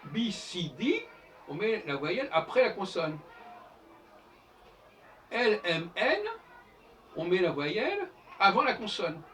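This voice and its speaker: A man's voice: high voice, sing-song, slow, pauses often, a bit bright. A man giving an informal lecture as host of his own channel, explaining in a professorial way and spelling out examples letter by letter. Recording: distant mic with faint background noise.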